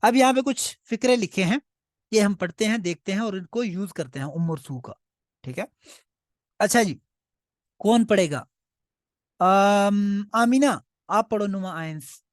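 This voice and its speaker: Speaking at a measured pace with frequent pauses, a high-voiced man whose native tongue is Punjabi teaches beginner German online in Hindi-Urdu. He stays patient, checks in with the class often and repeats "ठीक है" a lot, captured in clean studio sound with no room noise.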